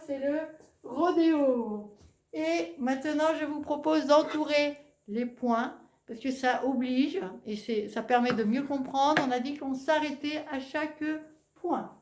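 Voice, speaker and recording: A woman's voice: sits high, darkish tone, roomy sound. A woman teaching a reading lesson to young children, patient and encouraging.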